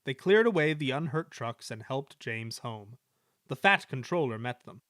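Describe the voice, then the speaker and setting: Lively-voiced man narrating a story. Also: mid-range voice, normal speed, no room sound, clean studio sound. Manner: expressive storytelling delivery. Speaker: storybook reader. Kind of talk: scripted narration of a children's story.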